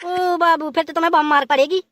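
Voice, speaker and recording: A woman's voice: extremely high pitch, steady tone, quick pace, fairly bright tone, no echo. A woman voicing a lazy, grumbling young bride in a comic cartoon, whiny and theatrical with wailing exclamations.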